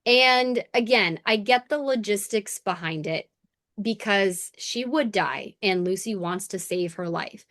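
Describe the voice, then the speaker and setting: Her medium-pitched voice runs a little slow with a fairly bright tone, captured in clean studio sound without echo. As a podcast co-host, she animatedly recaps a TV episode, swearing without restraint and acting scenes out.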